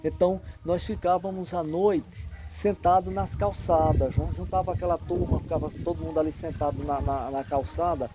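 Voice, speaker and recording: Reminiscing in an interview, a professor in his sixties with a northeastern Brazilian backlands accent explains bygone local life and often ends phrases with tag questions. He speaks at normal speed, his voice on the high side with fairly even intonation.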